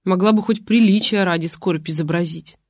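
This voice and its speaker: A woman reading a detective audiobook in the first person, calm and measured. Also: on the low side, no room sound, studio quality. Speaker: audiobook narrator.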